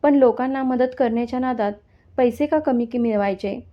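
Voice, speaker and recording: A woman's voice: fairly high pitch, moderate pace, lightly acted. A woman voicing a young working woman who has run away from home, speaking with urgent questions in a story reading. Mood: questioning. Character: young woman, runaway office worker, impatient then friendly. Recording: dull lo-fi sound.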